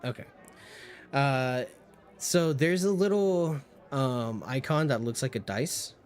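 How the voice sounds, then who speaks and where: A man's voice: mid-range voice, takes it slowly, faint music behind. A man acting as game master, describing a scene and explaining dice rolls with many fillers. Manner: rambling, lots of fillers. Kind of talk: narrating a tabletop game over voice chat.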